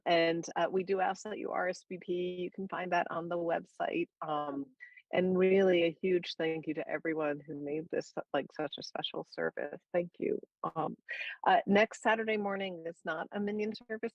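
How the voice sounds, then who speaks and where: Gravelly-voiced woman giving chatty announcements. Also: fairly low pitch, no room sound, muffled recording. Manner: chatty, full of ums and uhs. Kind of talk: closing announcements.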